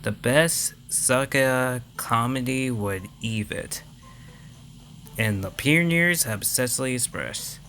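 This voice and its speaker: A man reading a visual novel aloud with casual commentary, halting and stumbling over words. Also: medium pitch, pushed and bright, slight background noise. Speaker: let's play host reading a visual novel.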